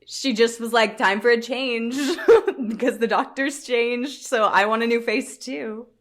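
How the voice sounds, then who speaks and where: A woman's voice: fairly high pitch, measured pace. A woman co-hosting a podcast in casual chat, rambling and laughing often. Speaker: podcast co-host.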